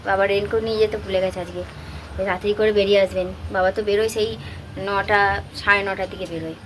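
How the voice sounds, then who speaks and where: A housewife vlogs from her home on a handheld phone, chatting casually and directly to her viewers. Her medium-pitched voice stays fairly even in intonation while she races along, with a faint hiss or hum underneath.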